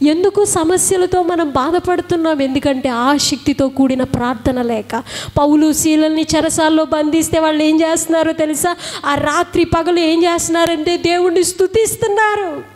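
Woman preacher, very high voice, fervent sermon, rhetorical questions, long hall reverb. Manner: fervent, rhetorical questions, repeats phrases for emphasis.

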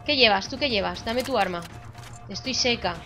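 A young woman from Spain with a Spanish accent, giving excitable, swearing commentary while playing a shooter at home. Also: fairly high pitch, normal speed. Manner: excitable, swearing, shouting at enemies. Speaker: gaming vlogger. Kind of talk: live gameplay commentary. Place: home room. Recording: game music under voice.

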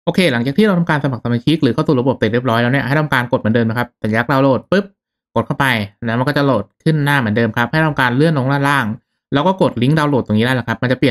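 A man with a medium-pitched voice hosts a casual software tutorial, walking through each step politely and instructively.

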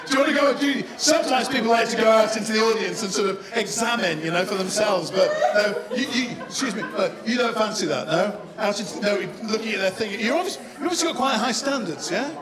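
A man's voice: sits high, lively intonation, fast talker, hardly any pauses, far from the mic. A middle-aged man working as a comedy stage hypnotist, giving repetitive, cajoling instructions to volunteers. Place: function room with bar and dance floor, indoors. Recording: echoey room with loud music and crowd. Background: loud music and audience noise.

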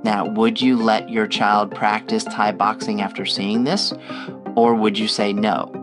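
A Norwegian tutorial creator in his thirties talks to camera with a fairly low pitch, flat delivery and measured pace, yet his manner is playful and chatty, with asides to viewers. Guitar music runs underneath, and he's in an indoor room backed by frosted glass.

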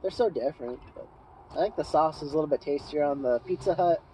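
A man's voice: a little high, fast talker, mellow, a little hiss or hum, rough recording. A man co-hosting a cigar channel, chatting in an easygoing, offhand way with a cigar in his mouth. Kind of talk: casual chat.

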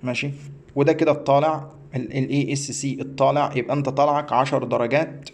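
A man's voice: mid-range voice, steady tone, fast, a little mellow. A man with an Egyptian Arabic accent, explaining a website step by step in a rambling, repetitive way, often stumbling and restarting. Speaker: astrology teacher. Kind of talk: screen-share tutorial.

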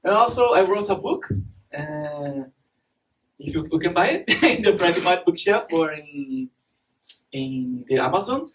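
Animated and fairly bright, this young Brazilian speaker's somewhat high voice keeps a measured pace as he chats his way through a conference talk full of fillers and laughs. His Brazilian Portuguese accent carries through a dark hall with a stage and projector, recorded from a distant mic with faint noise.

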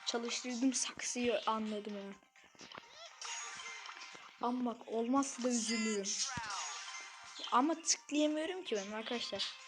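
A woman giving excitable, easily frustrated commentary on a mobile game she plays, talking straight to her viewers. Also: fairly high pitch, unhurried, long pauses. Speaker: gaming channel host. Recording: clear background game music.

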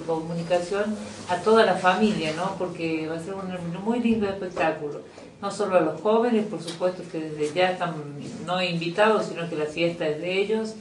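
A middle-aged woman with an Argentine accent, talking as a youth coordinator in a casual interview, chatty with many fillers and restarts. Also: fairly low pitch. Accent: Argentine Spanish. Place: small office indoors. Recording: echoey room, distant mic, faint noise.

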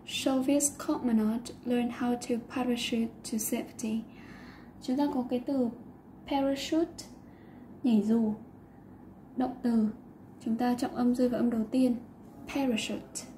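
A woman's voice: a little high, steady tone, moderate pace, mellow, slight background noise. A woman teacher explaining an English lesson, patiently mixing English words into her talk.

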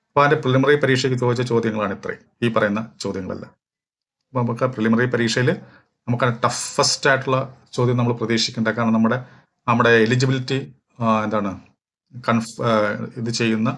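A man from Kerala, walking through exam questions as a teacher, reading each question slowly and explaining at length with fillers. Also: mid-range voice, fairly bright tone. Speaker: English teacher for exam prep. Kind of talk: exam question walkthrough lesson.

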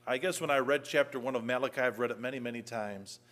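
Earnest male pastor, mid-pitched voice, preaching in church, swings between emphatic reading and quiet reflection. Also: fast talker. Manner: earnest, rises to emphatic scripture reading, drops soft and low. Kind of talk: sermon.

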